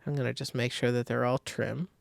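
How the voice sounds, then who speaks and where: A man with a clearly creaky, gravelly voice hosts a casual screen-recorded design software tutorial, thinking aloud as he works in a relaxed, conversational way. His mid-range voice is level and brisk, recorded close and dry with no room sound.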